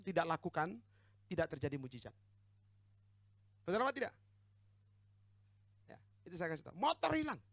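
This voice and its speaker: A man's voice: sits high, fairly bright tone, no echo, clean studio sound. A man preaching a sermon as pastor, with an Indonesian accent, who calls out to the congregation for amens and teases them bluntly.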